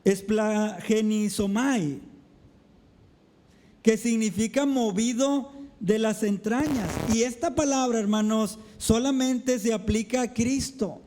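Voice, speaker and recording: A man preaching a sermon as a pastor, calling the congregation brethren over and over, speaking slowly with emphatic drops in his voice. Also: extremely high pitch, steady tone, a little mellow, a little hiss or hum. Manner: preaching with repeated address to the brethren; slow, emphatic delivery with dramatic drops. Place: church.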